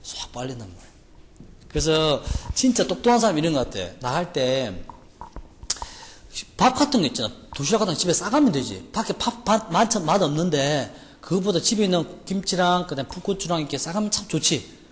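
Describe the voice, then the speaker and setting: Here the same Gyeongsang-accented English vocabulary teacher sounds brisk and fairly high, his pitch swinging widely. Joking through the lesson, he peppers students with rhetorical questions. There's faint noise and a reverberant lecture-hall sound.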